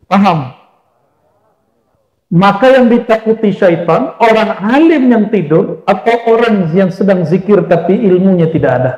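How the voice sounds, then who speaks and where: A man's voice: sits high, expressive, moderate pace, a little mellow. A male Islamic preacher giving a sermon, asking his audience questions and answering them himself, sometimes chanting verses. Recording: echoey dull-sounding hall.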